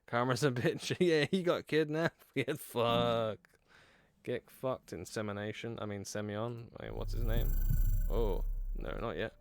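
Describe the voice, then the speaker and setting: On a headset mic in a small room, a young man with a mid-range, unhurried voice streams a horror game. He reads its text aloud, banters with chat, and swears and laughs along the way.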